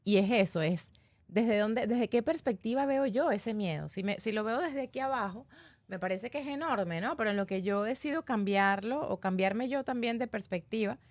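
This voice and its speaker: A woman's voice: mid-range voice, expressive, moderate pace, no echo. A woman who is a breathing specialist, joining a live online workshop and sharing thoughtful personal reflections.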